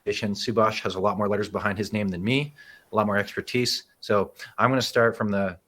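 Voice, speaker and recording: Low-voiced man giving a casual business talk. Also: fairly even intonation, a little fast, a bit bright. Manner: casual, frequent "right?" and "um" asides. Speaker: presenter and accounting firm owner. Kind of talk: conversational educational presentation.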